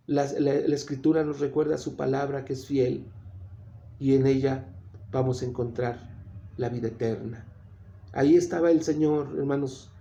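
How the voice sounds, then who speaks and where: A man preaching a sermon earnestly, slowing down to stress his points. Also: mid-range voice, gravelly, warm tone, lo-fi sound. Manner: earnest preaching, slows for emphasis.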